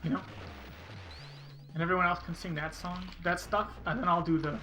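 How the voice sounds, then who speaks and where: This game streamer has a high voice that sounds pushed and bright, talking at normal speed with a little hiss or hum present. He rambles uncertainly, thinking aloud and chatting casually with viewers during the live stream.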